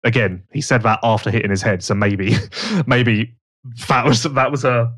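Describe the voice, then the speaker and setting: This man's voice is mid-range and moves at a normal speed. As host of a casual podcast chat, he tells gossipy stories animatedly, slipping into exaggerated voices whenever he quotes someone.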